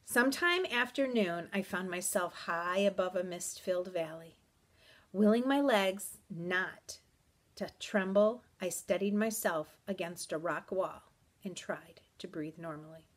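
A woman teacher reads a chapter book aloud to her students. Her delivery is slow and unhurried, measured and expressive, in the manner of a storybook read-aloud. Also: fairly low pitch.

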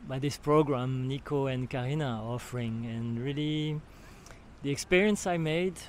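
An older man from Switzerland, French-accented, gives a spoken testimonial at a beach camp as a retreat participant, using a handheld recorder held close to his mouth. His mid-range, darkish voice moves at a moderate pace, he frequently searches for words and restarts, and there's slight background noise.

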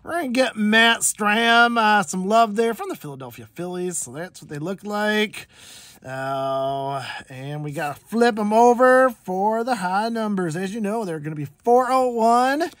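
A card collector hosting his channel opens a pack in an unhurried, animated way, his high, fairly bright voice recorded dry. The commentary is casual, chatty, and meandering, packed with fillers.

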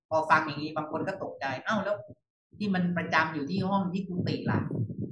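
A man, a monk, teaching monastic discipline over a video call in an unhurried way, repeating phrases and softening them with polite particles. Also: a little high, roomy sound, recorded from a distance, slight background noise, low-quality recording.

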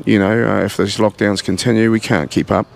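A gym owner in his forties with a New Zealand accent is interviewed casually in a large indoor gym, holding a handheld mic. His gravelly, fairly low voice keeps a steady tone, and he speaks earnestly but haltingly, with many fillers and restarts.

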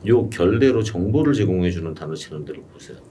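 A middle-aged YouTube coach with a low, warm voice speaks fast and animatedly, yet explains steadily and patiently while advising a client one-on-one in a small studio room. His desk mic on a stand sits at a distance, so faint room noise comes through.

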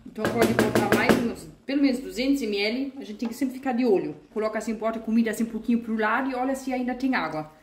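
Quick-paced and slightly high, with few pauses, a vegan cooking channel host runs through a home recipe step by step in her kitchen. Her casual tutorial is chatty and homey, marked by diminutives and fillers, and the sound is reverberant with heavy background noise.

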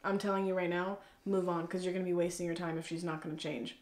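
A woman in her early twenties, soft-spoken and quick to laugh, chatting as a guest in a casual Q&A from a dim bedroom. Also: on the low side, fairly even intonation, roomy sound, background noise. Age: 20s. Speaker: guest, girlfriend. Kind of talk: casual Q&A chat.

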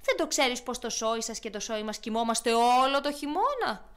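High squawking grumpy old frog, as a woman storyteller puts him on, scolding, storybook. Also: animated, a bit bright, clear, resonant tone.

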